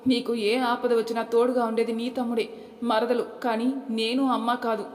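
A woman's voice: a little high, little pitch movement, normal speed, darkish tone, lightly acted. A woman voicing a stern lecturing old father. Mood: advising. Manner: lecturing, rhetorical questions. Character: stern older father scolding his family. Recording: echoey room, long reverb.

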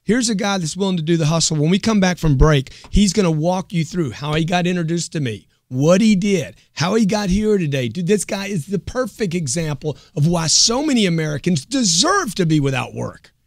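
Male host, higher-pitched, hard-selling hype delivery, dry close-miked sound. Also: expressive, fairly quick, hardly any pauses, dry recording. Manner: loud, pushy, hyped salesman delivery. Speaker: show host. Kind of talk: energetic motivational talk show.

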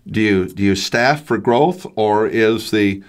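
Older man in his sixties, slightly low voice, folksy, conversational, podcast co-host at a studio mic. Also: slow pace. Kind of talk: casual podcast discussion. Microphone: studio mic on stand.

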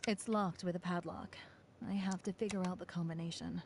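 A woman voicing a frightened young woman trapped in a hospital, talking tensely and whispering at times, with clear noise behind her. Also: fairly low pitch, fairly even intonation, brisk, a little mellow, natural voice. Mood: wary.

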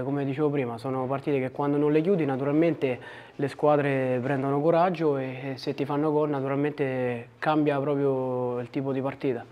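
A young male defender giving a post-match press interview, measured and hesitant, with frequent fillers and restarts. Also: medium pitch, a little mellow. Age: young adult. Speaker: footballer, defender. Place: indoor press area at a stadium. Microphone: several broadcaster handheld mics at close range.

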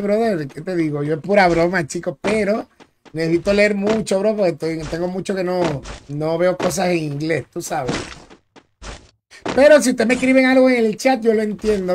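A man's voice: high-pitched, background noise. A young man, streaming a game and joking with his viewers in casual chat. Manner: chatty, joking, reads and answers viewers. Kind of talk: casual live-stream chat while playing.

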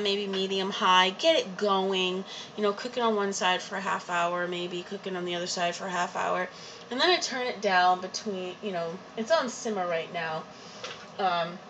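In a small home kitchen, a young woman vlogger films a casual cooking demonstration on a handheld camera or phone held near her. Her medium-pitched, fairly bright voice is chatty and unpolished, packed with ums and restarts, and the low-quality home recording carries background noise.

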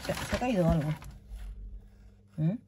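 A woman's voice: lowish voice, animated, a little slow, heavy background noise. A woman with a Spanish accent, chatting animatedly to her followers while unboxing a gift at home, laughing often. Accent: Spain. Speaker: craft vlogger. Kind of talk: casual chat unboxing a gift. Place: at home in her craft room. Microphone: laptop mic.

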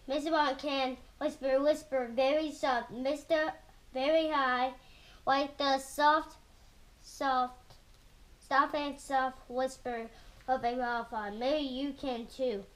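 A woman's voice: high voice, fairly even intonation, takes it slowly. A woman hosting a children's book read-aloud, reading carefully and imitating the sounds in the story. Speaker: host reading a picture book.

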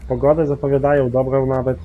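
A man's voice: medium pitch, level tone, fast talker, narrow, tinny audio, slight background noise. A man giving rambling, casual commentary while playing a farming game, full of mild swearing fillers. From Poland. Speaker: gaming YouTuber.

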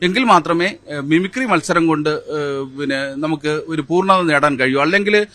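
Hesitant fifty-something man, bright dry voice. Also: fairly high pitch, no room sound. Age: 50s. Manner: hesitant, many fillers, measured. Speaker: former mimicry champion, interviewee. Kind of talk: interview answers with poem recitation.

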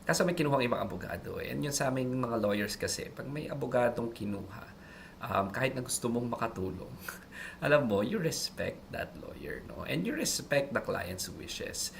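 Lively, emphatic male lawyer guest. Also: mid-range voice, moderate pace, gravelly, slight background noise. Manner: animated and emphatic, mixes English into his talk. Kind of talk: expert interview commentary.

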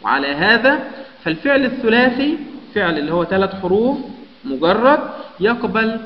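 A man teaching a grammar lesson, explaining step by step and listing example words one by one. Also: high-pitched. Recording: echoey, dull lo-fi room recording with long reverb.

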